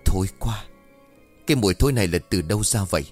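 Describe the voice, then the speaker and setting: A man's voice: fairly low pitch, lively intonation, quick pace, a little mellow, soft background music. A man voicing a timid middle-aged village man who stammers and frightens easily. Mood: disgusted. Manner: stammering, shaky.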